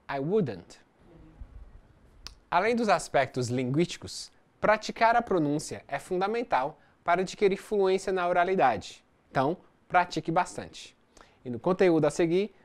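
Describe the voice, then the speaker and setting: Teacher with a lively, rising-falling delivery. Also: mid-range voice. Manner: explains step by step, reads English examples slowly. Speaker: English teacher. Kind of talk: recorded distance-learning lesson.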